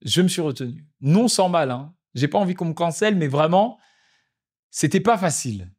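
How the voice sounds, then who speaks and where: A man's voice: fairly high pitch, lively intonation, normal speed, a little mellow, breathy edge. A man hosting a podcast, telling stories of fatherhood in a reflective, casual way, repeating phrases for emphasis. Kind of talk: casual storytelling monologue.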